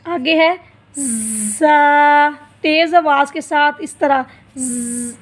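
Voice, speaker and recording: A high-voiced woman gives a beginners' Quran reading lesson at an unhurried pace. She explains each group of letters patiently and stretches out their sounds to demonstrate them. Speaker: Quran teacher. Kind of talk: slow step-by-step lesson.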